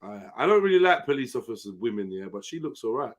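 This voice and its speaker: A man's voice: mid-range voice, very animated, fast, lo-fi sound. A man with a south London accent, bantering casually as he hosts a live online panel. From Peckham, south London. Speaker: live panel show host.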